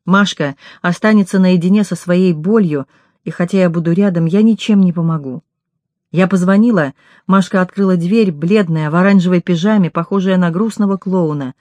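A woman narrates a first-person novel in a measured, intimate way. Her voice is dark and mellow. The recording is dry and close, with no room echo. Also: on the low side. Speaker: audiobook reader.

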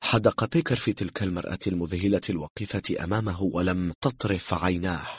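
A man reading a thriller novel aloud in a steady, measured narrating voice. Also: sits low, breathy edge, no echo. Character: calm, cool-headed man bluffing.

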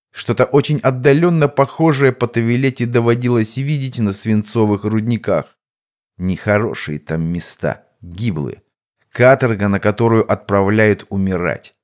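A man narrating an audiobook in a steady, even storytelling delivery. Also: medium pitch.

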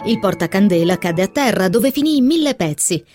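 A woman's voice: medium pitch, animated, brisk, over music. A woman reading a book aloud expressively, acting out the scenes. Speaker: book reader.

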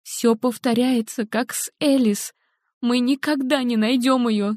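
A woman's voice: sits high, no echo, clean studio sound, voice pushed up. A woman reading an audiobook, voicing a frantic, grieving young mother who is near-hysterical and sobbing. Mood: bitter.

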